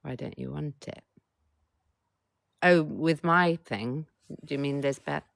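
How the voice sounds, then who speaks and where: A woman's voice: low voice, slow, vocal fry, fairly bright tone, no room sound. A middle-aged woman coach hosting a casual live stream, talking bluntly, swearing freely, and keeps urging viewers to reply in the chat.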